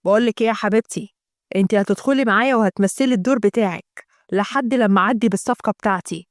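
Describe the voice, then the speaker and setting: A woman's voice: fairly high pitch, dry recording, studio quality, pitched below the performer's own voice, lightly acted. A woman voicing a scheming young businessman with an Egyptian accent, talking in pushy, condescending sweet talk. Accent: Egyptian Arabic.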